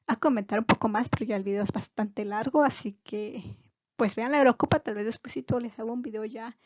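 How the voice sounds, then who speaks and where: A woman's voice: a little high, brisk, no room sound, muffled recording. A woman giving a casual video language lesson, chatty and digressive with many fillers. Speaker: language teacher.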